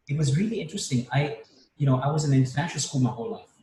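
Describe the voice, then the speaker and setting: A man's voice: on the high side, expressive, fast. A man in his fifties from Spain, a panel guest in a casual group video chat, talking reflectively with many restarts and tag questions like "right?". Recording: roomy, distant mic, faint background noise.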